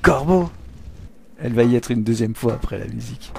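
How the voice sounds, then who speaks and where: A man giving casual, excitable play-by-play commentary on a live game stream, swearing and laughing often. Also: mid-range voice, fast, creaky, slight background noise. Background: game music.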